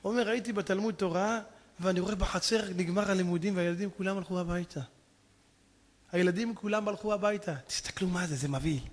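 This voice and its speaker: A man, a rabbi, telling stories in a sermon, swinging from hushed tones to impassioned shouting. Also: high-pitched. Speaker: rabbi preacher. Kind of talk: storytelling sermon. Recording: long hall reverb.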